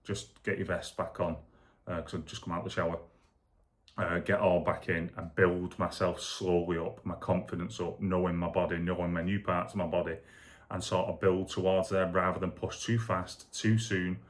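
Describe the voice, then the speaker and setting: A man with a deep voice talks through his day in a casual video diary. He sounds weak and foggy after surgery, with little rise and fall in his delivery. His account rambles along, candid and plain. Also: little pitch movement, normal speed. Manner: rambling, candid, matter-of-fact. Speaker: vlogger recovering from shoulder surgery.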